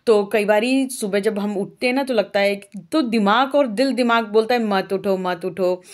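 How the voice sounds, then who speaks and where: A woman's voice: medium pitch, normal speed. Chatty young woman vlogger from Uttar Pradesh. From Uttar Pradesh, India. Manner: rambling, homely and talkative, with frequent "अ" fillers. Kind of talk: casual chatty vlog narration.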